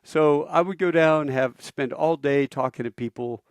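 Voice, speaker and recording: An older man from the United States recounts his path to flying in an animated, storytelling manner. His voice sits in a middle pitch. The sound is dry and close. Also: normal speed, no room sound. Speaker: guest, airline pilot. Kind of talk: storytelling interview.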